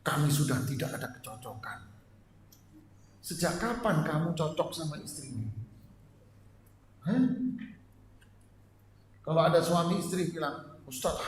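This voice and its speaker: A male religious teacher giving a joking, lively marriage lecture to an audience. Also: on the high side, a little hiss or hum. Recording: echoey hall, faint ambience.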